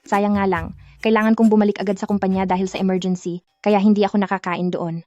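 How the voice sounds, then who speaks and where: A woman's voice: medium pitch, level tone, quick pace, warm tone, muffled recording, faint music behind, natural voice. A woman dubbing a cheerful, unbothered young bride who talks in a breezy, teasing way. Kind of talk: Filipino dub of a drama.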